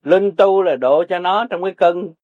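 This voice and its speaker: A man's voice: high-pitched, moderate pace, dry recording. An older man with a Southern Vietnamese accent, giving blunt, repetitive, earthy Buddhist teaching to listeners. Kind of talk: folksy spiritual teaching to listeners. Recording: dry, dull lo-fi recording.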